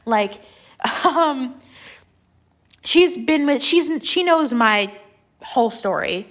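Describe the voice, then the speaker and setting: A young woman in her late teens with a congested, stuffy-nosed voice, chatting casually and confidingly in a personal monologue, with halting, filler-heavy phrasing. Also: high-pitched, expressive, a bit bright. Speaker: podcast host.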